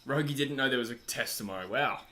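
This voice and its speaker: Australian male streamer, 20s, chatty self-deprecating host, bright tone. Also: medium pitch, fast talker, soft background music. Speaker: livestream host reading chat. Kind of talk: casual live chat over a cricket match.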